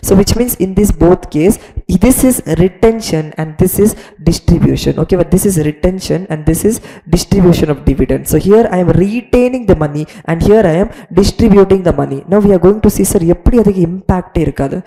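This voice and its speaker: A woman's voice: lowish voice, lively intonation, rapid-fire, warm tone, rough recording. A woman with a South Indian Tamil accent teaching finance in a lecture, switching between English and Tamil, with an emphatic, repetitive manner that keeps checking understanding.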